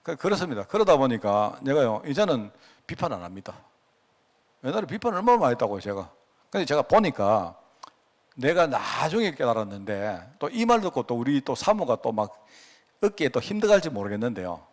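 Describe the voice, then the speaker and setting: A man's voice: mid-range voice, big pitch swings, a little fast. A middle-aged man with a Gyeongsang accent, preaching a sermon as pastor in a folksy, conversational way and often asking his listeners to agree. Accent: Gyeongsang Korean.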